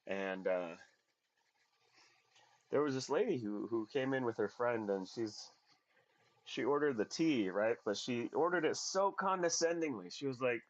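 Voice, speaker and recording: A man's voice: mid-range voice, animated, unhurried, long pauses. A man chatting casually while he works, rambling unhurriedly with plenty of fillers, in his home workshop. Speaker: maker livestreaming his workbench. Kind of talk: casual chat while working. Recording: dull lo-fi audio.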